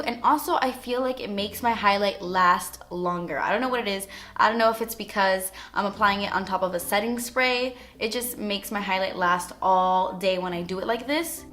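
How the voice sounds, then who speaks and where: A woman's voice: medium pitch, a bit bright. Chatty young woman doing a makeup tutorial. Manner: chatty, frequent "like" fillers. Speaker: beauty vlogger.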